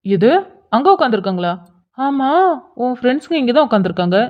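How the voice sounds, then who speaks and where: A woman's voice: fairly high pitch, expressive, quick pace, voice pushed down, lightly acted. A woman voicing a playful young male college senior who teases. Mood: teasing. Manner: playful, teasing. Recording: dull lo-fi sound.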